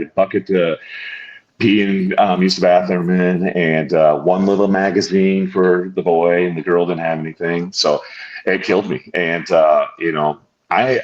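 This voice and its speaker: A very deep-voiced middle-aged man from northern Illinois tells his life story as a guest, rambling and repeating himself. The sound is a little dull and lo-fi. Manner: rambling, repeats words, self-corrects. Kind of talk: candid conversational storytelling.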